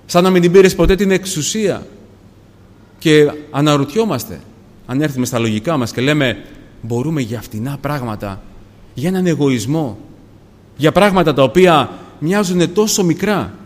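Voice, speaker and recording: A man preaching a sermon, swinging between loud urgent pleading and hushed passages. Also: on the high side. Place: church. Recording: long reverb of a church hall.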